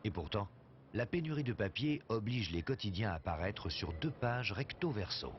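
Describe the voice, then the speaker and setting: A man's voice: lowish voice, animated, normal speed, a little hiss or hum. A man narrating a documentary from a script. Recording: dull soundtrack with faint music.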